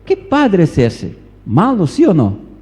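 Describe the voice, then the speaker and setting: A man's voice: high voice, huge pitch swings, slow, a little mellow. A man preaching a sermon in a church hall, telling a story and repeating phrases for emphasis, recorded with a reverberant, dull lo-fi sound.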